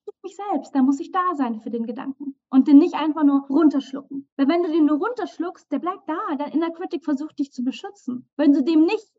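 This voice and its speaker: A woman's voice: high-pitched, fairly quick, hardly any pauses, darkish tone, dull audio. A woman coach talking as a guest in a casual podcast conversation, enthusiastic and mixing English phrases into her speech.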